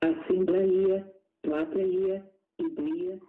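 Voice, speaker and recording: A calm, methodical cartoon tutor, played by a man who patiently explains everything in a fairly high voice. He speaks slowly. The sound is thin and phone-like, with a faint hiss. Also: creaky, exaggerated voice. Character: patient know-it-all male tutor. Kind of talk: cartoon skit lesson.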